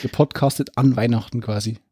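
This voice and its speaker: A man trades teasing one-liners as a podcast co-host, joking through the banter. His pitch is an ordinary middle. The sound is close and dry, with no room echo. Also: fairly even intonation, mellow, slightly rough. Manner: teasing, quick quips. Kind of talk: casual banter.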